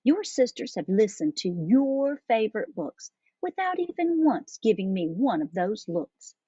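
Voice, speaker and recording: A woman's voice: a little high, sing-song, unhurried, dark tone, slightly rough, dry recording, highs cut off, heavily acted. A woman voicing an affectionate but firm mother cat in a storybook, coaxing in a sing-song way. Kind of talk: storybook character voice.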